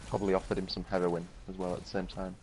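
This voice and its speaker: A Scottish man chatting dryly and deadpan with a friend while they play a game. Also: low-pitched, fast, a little hiss or hum. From Scotland. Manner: dry and deadpan. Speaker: co-player. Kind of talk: casual gaming chat.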